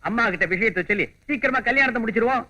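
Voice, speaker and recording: A jovial, brisk elder brother and doctor in a film drama. He talks quickly, with a high, bright voice for a man. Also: heavily acted. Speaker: actor in a film. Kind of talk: film dialogue.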